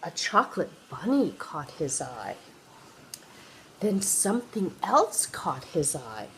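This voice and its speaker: An older woman, a sweet grandmother, reading a children's picture book aloud and gently engaging the young listener. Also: fairly low pitch, sing-song, takes it slowly, slight background noise, low-quality recording. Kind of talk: read-aloud children's storytelling.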